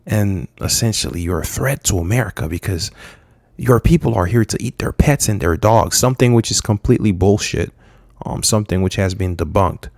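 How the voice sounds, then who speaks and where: A young man from Haiti giving frank, halting political commentary, with many fillers and restarts. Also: lowish voice, gravelly, a little mellow, no echo, clean studio sound. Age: young adult.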